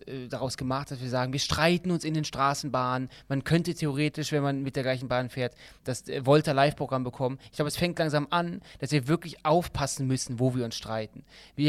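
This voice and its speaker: A man's voice: mid-range voice, fairly quick, no room sound. A man co-hosting a podcast, talking casually and bickering, with many fillers and restarts. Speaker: podcast co-host.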